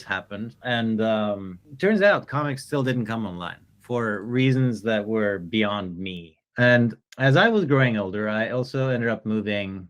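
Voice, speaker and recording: A middle-aged man from Norway, a company founder, telling his story in an interview in a measured way, often ending with "right?". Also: lowish voice, fairly bright tone. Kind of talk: interview answers.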